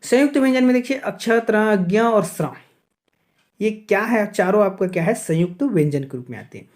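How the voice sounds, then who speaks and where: A man teaching an exam-prep grammar lesson. He keeps asking and answering his own questions, checks in often with "okay", and slows down to spell out sounds one by one. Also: sits high, animated, darkish tone. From Chhattisgarh, India.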